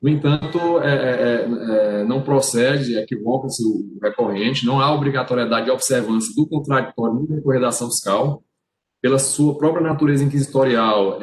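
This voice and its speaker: A man's voice: mid-range voice, a little hiss or hum. Hesitant man giving a legal argument. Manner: hesitant, many repeated filler sounds. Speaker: state attorney in a tax appeals hearing. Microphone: video call. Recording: roomy echo on a video call.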